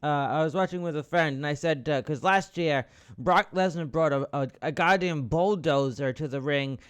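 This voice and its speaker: A man hosting a podcast, talking casually about wrestling in a rambling way with restarts, bursting into loud, excited outbursts and the odd swear. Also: a little high, moderate pace, smooth. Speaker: podcast host.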